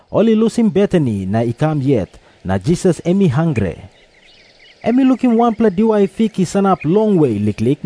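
High, animated Papua New Guinean male narrator. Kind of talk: scripted scripture narration, storytelling.

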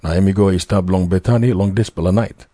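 A man's voice: low-pitched, fairly even intonation, quick pace, warm tone, no room sound, clean studio sound. A man with a Papua New Guinean accent narrating a dramatised Bible story from a script. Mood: measured narration. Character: calm male narrator of a gospel story.

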